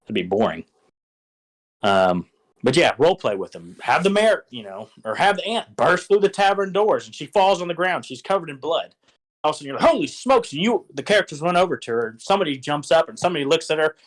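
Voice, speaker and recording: On a rough recording, a man with a fairly high, sing-song voice talks a little fast while explaining how to run a tabletop game. He's an enthusiastic game master giving casual advice, rambling with plenty of fillers and restarts.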